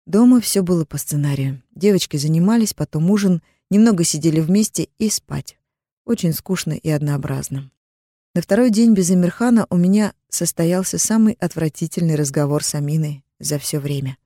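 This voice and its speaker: A woman narrating a first-person story as an audiobook, in a calm, even storytelling manner. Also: sits low, normal speed, no room sound, studio quality.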